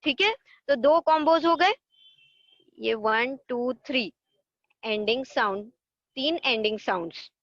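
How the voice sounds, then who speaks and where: High-voiced woman teaching grammar patiently. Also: slow, long pauses, fairly bright tone, dry recording, lo-fi sound. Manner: patient, repeats word forms in drills. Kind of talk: online lesson explaining a table.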